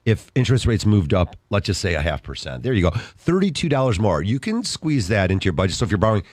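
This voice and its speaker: A man's voice: on the low side, very animated, fast, a little mellow, no room sound. A man hosting a casual radio talk show, upbeat as he walks through mortgage numbers step by step.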